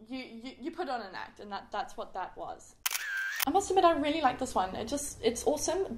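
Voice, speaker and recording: A young adult woman talking casually to camera as a vlogger, chatty and self-mocking, often laughing at herself. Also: medium pitch. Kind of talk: casual confessional vlog. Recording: roomy echo.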